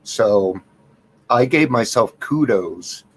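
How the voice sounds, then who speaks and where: A man with a medium-pitched, husky and expressive voice talks slowly and softly on a recovery livestream, sick and exhausted. He rambles candidly, mocks himself and restarts often, all captured on a computer mic with high gain.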